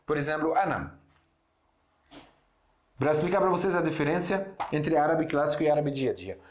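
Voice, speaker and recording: A man's voice: a little high, lively intonation, normal speed, slight background noise. A young man whose first language is Arabic, teaching an online language lesson in Portuguese with an Arabic accent. He explains patiently, asks himself rhetorical questions and often corrects himself. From Syria. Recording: echoey room.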